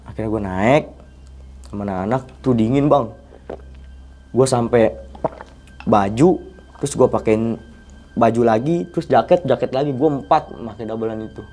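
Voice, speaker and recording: A young man, a podcast guest casually telling a story in slangy, animated chat. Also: mid-range voice, normal speed, long pauses, soft background music. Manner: animated, slangy, often addresses the host as 'Bang'.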